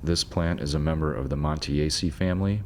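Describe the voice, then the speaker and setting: Very deep-voiced man narrating plants. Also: a little hiss or hum. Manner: measured, informative, dry asides about pronunciation. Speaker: nature video narrator. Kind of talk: scripted educational narration.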